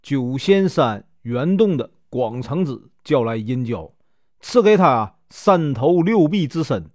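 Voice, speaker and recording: A man's voice: mid-range voice, sing-song, slow pace, darkish tone, no room sound, clean studio sound. A man retelling a classic legend as a storyteller, in a chatty folk style full of filler particles.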